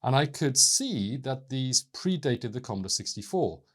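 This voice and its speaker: A man, explaining at an even, measured pace as host of his own channel, with small hesitations. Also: mid-range voice. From South Wales. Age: 50s. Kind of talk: scripted talk to camera.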